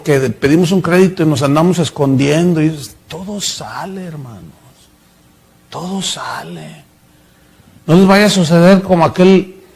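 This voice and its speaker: A man's voice: fairly high pitch, creaky, husky. A middle-aged male pastor preaching a sermon, telling stories and acting out the voices in them. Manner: storytelling preacher, acts out voices in anecdotes.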